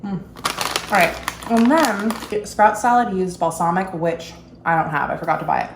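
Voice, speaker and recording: This young vlogger, in her twenties, has a fairly low voice, and the roomy recording carries a little hiss or hum. Making food in her kitchen, she chats to the camera in a bubbly way, full of "like" and "you guys," switching from camera mic to phone partway through.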